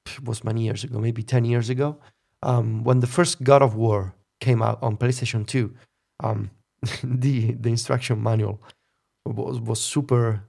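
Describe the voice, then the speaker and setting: Gravelly man musing wryly. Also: mid-range voice, fairly even intonation, measured pace, darkish tone. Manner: musing, opinionated, wry laughter. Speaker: podcast co-host. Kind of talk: casual chat.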